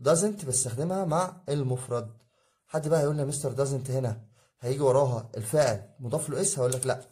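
A man's voice: a little high, darkish tone. A man with an Egyptian Arabic accent teaching an exam review lesson, asking his students questions and answering them himself. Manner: addresses students as guys, drilling rules. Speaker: English teacher.

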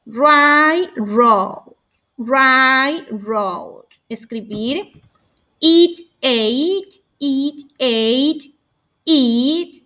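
A woman's voice: a little high, fairly bright tone. A woman teaching English vocabulary, patiently repeating each word for students to echo and coaxing them along. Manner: affectionate, coaxing. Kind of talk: slow drilled vocabulary lesson.

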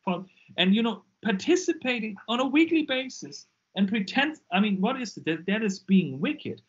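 A man from Germany with a German accent, speaking English as a guest in an interview about his ministry, earnest and animated. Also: sits high, normal speed. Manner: earnest, animated, acts out quoted voices. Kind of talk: casual interview over a call. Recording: muffled lo-fi call audio.

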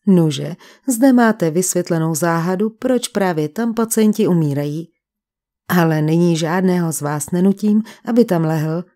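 A woman voicing a falsely friendly male sanatorium doctor who smoothly persuades his patients, in an audiobook. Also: on the low side, mellow, natural voice. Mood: persuasive.

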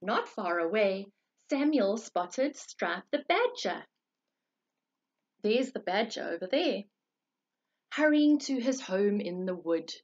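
A woman reading a storybook aloud to children in a gentle, sing-song way. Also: medium pitch, sing-song, takes it slowly, pauses often, lo-fi sound.

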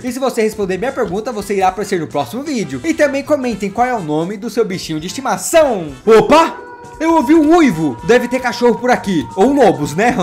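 A man hosting a game vlog, excitable and animated, talking to his viewers and cooing at in-game animals. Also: very high-pitched. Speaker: gaming channel host.

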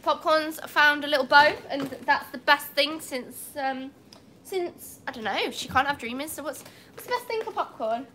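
Her voice sits high, bright and forceful, at a normal speed: a young woman from England chatting casually on a livestream while suffering from a cold. She is in an indoor cat cafe with large windows, filmed on a phone on a tripod, and she apologizes and laughs frequently. Slight background noise.

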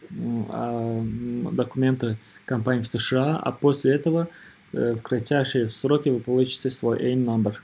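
A man narrating an informal screen tutorial as its presenter, in a hesitant, halting way, often repeating himself. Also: medium pitch, warm tone, husky. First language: not Russian or rusty Russian speaker living abroad.

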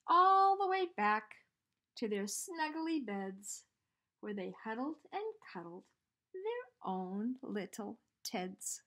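Woman teacher, storybook read-aloud, high and very animated, unhurried, whispers now and then. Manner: animated, chatty asides to young listeners, dips into whispers. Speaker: teacher reading to children.

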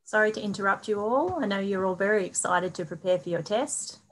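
A woman's voice: medium pitch, a little fast, a little hiss or hum. A woman class teacher keeps things chatty and encouraging, with a mid-range voice. She talks over a video call. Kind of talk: online class chat.

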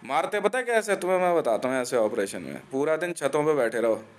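A man's voice: a little high, sing-song, a little fast. A man from India delivering a profane ranting monologue, aggressive and taunting, swearing constantly and laughing between threats.

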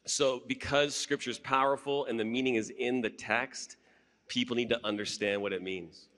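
A man's voice: mid-range voice, steady tone, normal speed, a bit bright. A man, a pastor on a conference panel, speaking earnestly and declaratively into a handheld mic. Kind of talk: panel discussion answer. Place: large conference hall stage.

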